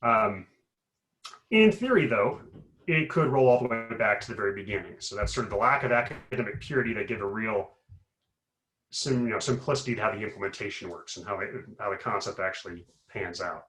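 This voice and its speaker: A man's voice: lowish voice, lively intonation, a little fast, a bit bright, echoey room, low-quality recording. A middle-aged man, a professor, explaining a topic on a video call, rambling with many fillers and restarts. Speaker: guest speaker, professor. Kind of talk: explanatory talk on a webinar.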